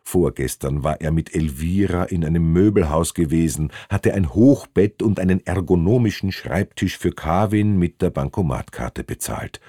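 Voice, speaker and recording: A man reading a novel aloud as narrator, telling it in a wry, lively way. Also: low-pitched, normal speed, few pauses, no room sound, clean studio sound. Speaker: audiobook narrator. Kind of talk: scripted narration.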